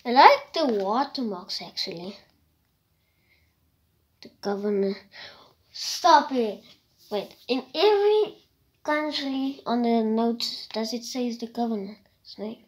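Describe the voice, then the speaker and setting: A woman from Africa, casually showing things to camera in a hesitant, rambling way with soft whispered asides. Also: a little high, lively intonation, slow, long pauses. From South Africa. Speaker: vlogger. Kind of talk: casual show-and-tell vlog.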